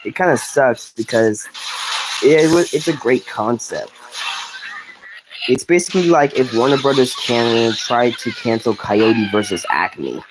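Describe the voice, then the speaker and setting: A man's voice: medium pitch, expressive, measured pace. Rambling man over a noisy recording. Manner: rambling, restarts sentences, laughs at own jokes. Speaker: gaming commentator. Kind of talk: casual commentary while playing.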